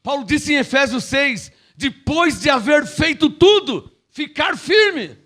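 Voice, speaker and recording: A man's voice: extremely high pitch, expressive, slow, fairly bright tone. A man preaching a sermon as a pastor, acting out Bible dialogue as he goes.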